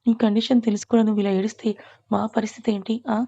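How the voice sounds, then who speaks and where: A woman's voice: mid-range voice, level tone, quick pace, creaky, mellow, dull audio. A woman voicing a stern, protective young husband who scolds firmly. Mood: scolding.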